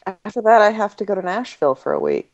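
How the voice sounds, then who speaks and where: A woman's voice: medium pitch, huge pitch swings, quick pace, lo-fi sound. A woman co-hosting a casual podcast chat, enthusiastic and laughing often.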